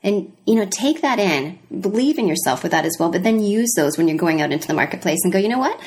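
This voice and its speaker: A woman's voice: lowish voice, animated, quick pace, a little mellow, a little hiss or hum. A woman co-hosting a podcast, chatting in an encouraging way and telling personal stories. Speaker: podcast co-host. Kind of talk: conversational podcast chat.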